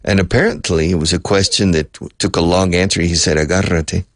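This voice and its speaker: A man's voice: low-pitched, fairly even intonation, fairly quick, dry recording, studio quality. An older man, a radio host, telling a rambling personal story from his youth and correcting himself as he goes. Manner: rambling, reminiscing, with self-corrections. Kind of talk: storytelling monologue.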